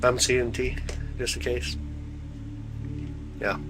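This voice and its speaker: Over loud music, a man streaming live telescope views talks casually and slangily to his audience, his voice clogged with congestion. He speaks slowly in a mid-range voice with little pitch variation, and the recording quality is poor.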